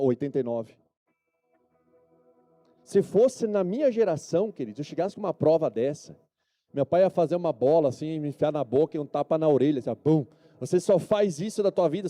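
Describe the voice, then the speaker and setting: A man's voice: sits high, mellow. A male pastor with a Brazilian Portuguese accent preaching a sermon at a church service, often calling for amen and yes-or-no answers from the congregation.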